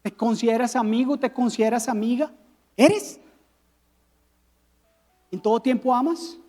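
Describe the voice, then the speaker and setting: A man with a Colombian accent preaching a sermon as pastor, lively, with rhetorical questions and jokes. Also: extremely high pitch, measured pace.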